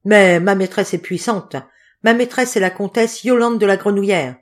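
A woman reading an audiobook, voicing an indignant older woman who speaks loudly and haughtily. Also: mid-range voice, normal speed, natural voice. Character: indignant older woman, devoted cat keeper.

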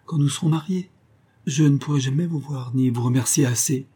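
A man reading aloud and voicing a simpering young woman who speaks coyly, in a raised, husky voice. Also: mid-range voice, a little fast, warm tone, voice pushed up, close to an everyday voice. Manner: simpering, coquettish.

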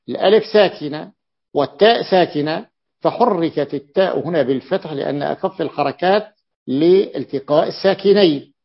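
A man teaching a classical grammar lesson as a sheikh, deliberate and repeating key words, with an "ah" between points. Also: a little high. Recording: muffled lo-fi recording.

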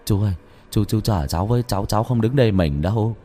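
A man's voice: lowish voice, lively intonation, fast, mellow, soft background music. A man voicing a terrified young village man who stammers and pleads in a raised, shaky voice. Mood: panicked.

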